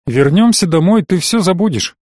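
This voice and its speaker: A man's voice: sits high, animated, normal speed, darkish tone, no echo, studio quality, voice pushed up. Man voicing a domineering, menacing noble father. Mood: patronizing. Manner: patronizing, then harsh and threatening. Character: domineering older nobleman father, cold, scheming. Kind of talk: audiobook character voice.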